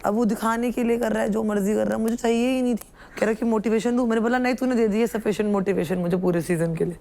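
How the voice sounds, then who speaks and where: A woman's voice: a little high, steady tone, fast, dark tone. A young woman, a reality show contestant, talking in a dismissive, sarcastic way.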